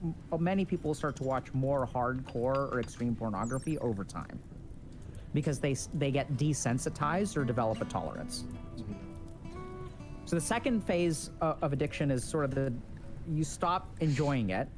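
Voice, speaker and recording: A man's voice: mid-range voice, expressive, normal speed. A man giving an informal explanatory talk in the manner of a clinician. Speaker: mental health clinician. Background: music.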